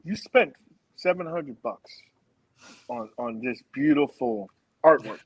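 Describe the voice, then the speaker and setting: A man's voice: medium pitch, animated, slow pace, breathy edge, poor audio. A man on a podcast panel in casual banter, insistent and repeating himself.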